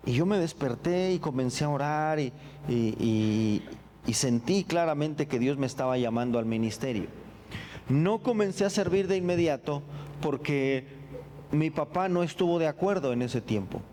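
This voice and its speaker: A middle-aged male pastor with a slightly higher-than-usual voice tells his own story in a sermon. He is earnest and reflective, often stumbling over repeated words. A faint hum of room ambience sits behind him. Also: lively intonation, normal speed, warm tone. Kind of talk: personal testimony in a sermon.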